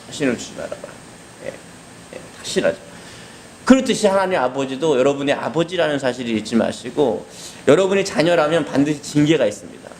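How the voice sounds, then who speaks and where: Male pastor, lively sermon delivery, slightly high voice, acts out quoted lines. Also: fairly quick, a little hiss or hum, poor audio. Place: hospital basement hall.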